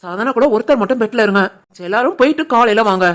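A woman doing a brisk calm male doctor. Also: a little high, lightly acted. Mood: reassuring. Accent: Tirunelveli Tamil. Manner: calm, explanatory, reassuring.

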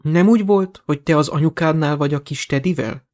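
A man's voice: fairly high pitch, darkish tone, close to an everyday voice. A man voicing an earnest teenage boy hero in an audiobook. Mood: urgent.

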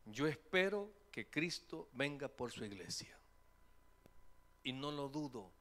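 A man's voice: mid-range voice, slow. A man, preaching a sermon as pastor in a church, acting out voices and joking with the congregation. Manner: animated, acts out quoted voices, jokes with congregation. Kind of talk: lively sermon. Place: church sanctuary.

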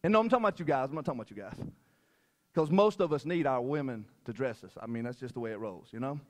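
A male preacher giving a sermon at a church service into a handheld mic. He is energetic, jokes with the congregation and repeats his phrases. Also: medium pitch, quick pace, in a large hall, a little hiss or hum. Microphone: handheld microphone.

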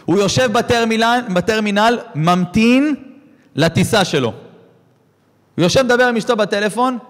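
A man, a rabbi telling a story in a sermon and acting out its dialogue with lively swings in voice. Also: sits high. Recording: long hall reverb.

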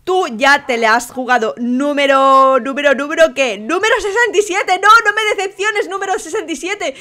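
Brief: young woman, Spain Spanish accent, high bright voice, excitable game commentary with lots of exclamations. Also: normal speed. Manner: excitable, frequent exclamations and laughter. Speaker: gaming YouTuber. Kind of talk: excitable let's-play commentary.

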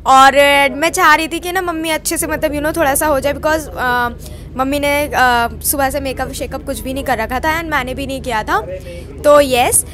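A woman's voice: high-pitched, steady tone, moderate pace, fairly bright tone, faint music behind. A young woman vlogger narrating her video in a chatty, casual way, mixing in English words. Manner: chatty, mixes Hindi with English words, many fillers.

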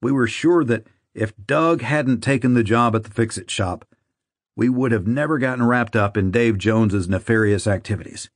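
A man narrating an audiobook in a measured, somber reading. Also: medium pitch, no echo, clean studio sound. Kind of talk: scripted narration.

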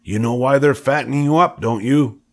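A man's voice: mid-range voice, normal speed, voice pushed up, natural voice. A man playing a gloomy old female sheep in a storybook, speaking in a matter-of-fact, snappish, weary way. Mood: ominous, matter-of-fact.

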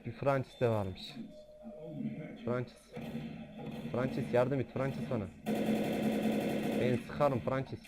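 A man giving let's-play gaming commentary, excitable, joking and swearing freely. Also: medium pitch, slow, long pauses, heavy background noise. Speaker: gamer.

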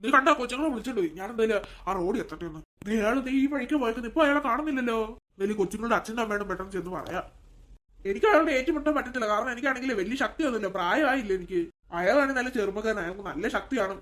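A woman's voice: on the high side, lively intonation, rapid-fire, fairly bright tone. A woman voicing a fretful elderly cartoon farmhand. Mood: worried. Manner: fretful, talks to self. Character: elderly farm worker, weak and worried.

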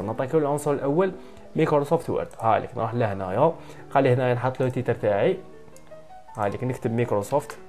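A man with an Algerian Arabic accent explains a presentation program step by step at a very fast clip. He talks in a brisk, practical way and drops French computer terms into his speech. Soft music plays faintly behind him. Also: mid-range voice. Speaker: software instructor. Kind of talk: screen-recorded tutorial.

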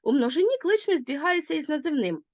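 A woman's voice: high-pitched, sing-song, fairly quick, no room sound, dull audio. A woman teacher explaining grammar in a lesson, speaking emphatically.

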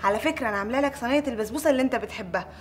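A woman playing a sweet high-voiced daughter. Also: very fast, natural voice. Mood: daughterly. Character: young adult daughter, sweet and scared. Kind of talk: comedy series acting.

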